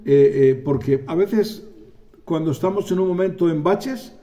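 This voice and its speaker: A man preaching a sermon, animated, acting out voices and calling on the congregation for amens. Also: a little high, measured pace.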